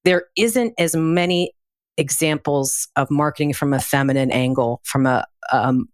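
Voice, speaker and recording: A woman's voice: deep voice, measured pace, no echo, clean studio sound. A woman speaking as an interview guest in a conversational, reflective way, explaining through examples and questions.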